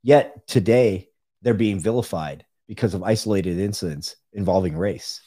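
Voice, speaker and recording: A deep, mellow voice with a breathy edge comes from a middle-aged man appearing as a podcast guest. Speaking at normal speed, he chats casually, telling stories with emphasis and often chiming in with "right."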